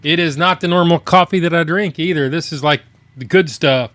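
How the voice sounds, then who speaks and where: Chatty man with a higher-pitched voice, live streaming. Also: brisk, a bit bright, dry recording. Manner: rambling, chatty, greeting viewers by name. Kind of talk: casual live stream chat. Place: home studio.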